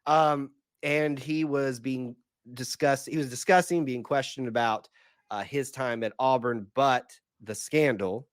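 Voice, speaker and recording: A man with a hoarse, sick-sounding voice, hosting a casual sports podcast in an energetic, rambling way. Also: medium pitch, measured pace, dry recording, clean studio sound. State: hoarse from a cold. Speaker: podcast host.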